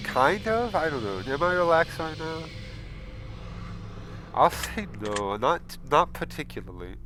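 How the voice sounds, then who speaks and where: A man hosting a casual gaming video, reading questions aloud and answering them bluntly, with frequent swearing and loud exasperated outbursts. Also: on the high side, big pitch swings, a little slow, background noise. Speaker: gaming channel host. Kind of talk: casual game commentary.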